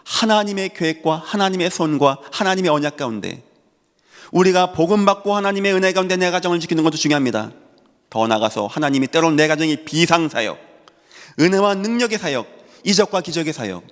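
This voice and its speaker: A man's voice: fairly high pitch, a little fast. A man giving an emphatic sermon as pastor, with rising, exhorting calls to the congregation. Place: large church sanctuary. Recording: long reverb of a church hall.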